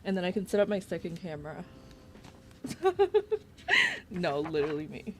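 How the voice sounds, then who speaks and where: Chatty young woman, low voice. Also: very animated, moderate pace, dark tone, a little hiss or hum. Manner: chatty, rambling with fillers. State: out of breath. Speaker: streamer. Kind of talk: casual livestream chat. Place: home workspace.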